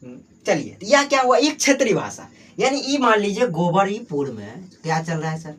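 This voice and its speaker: High-voiced Bihari Hindi teacher. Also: male voice, sing-song, normal speed, a bit bright. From Bihar, Mithila region. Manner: asks and answers his own questions, heavy filler "jo hai". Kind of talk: exam-prep grammar class.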